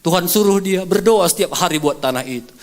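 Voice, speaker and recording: A male pastor preaching a sermon, animated and acting out scenes. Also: brisk. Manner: animated, acting out scenes with big pitch swings.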